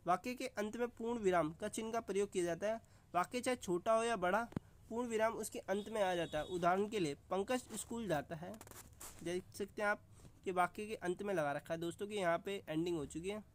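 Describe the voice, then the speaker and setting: High-voiced teacher giving an exam lesson. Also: male voice, fairly quick. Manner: addresses viewers as friends, explains with examples. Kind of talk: online exam-prep lesson.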